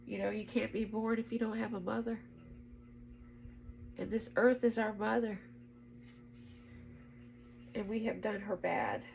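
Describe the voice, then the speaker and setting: Gravelly, emotional woman vlogger. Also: mid-range voice, fairly even intonation, measured pace, pauses often, a little mellow, a little hiss or hum, poor audio. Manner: emotional, earnest, urging. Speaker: spiritual vlogger. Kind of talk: heartfelt spiritual vlog talk.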